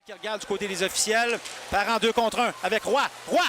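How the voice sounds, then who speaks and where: A man calling hockey play-by-play with excitement, in clipped phrases that build to drawn-out exclamations. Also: sits high. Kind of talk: excited sports commentary. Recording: noisy arena broadcast. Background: loud arena noise.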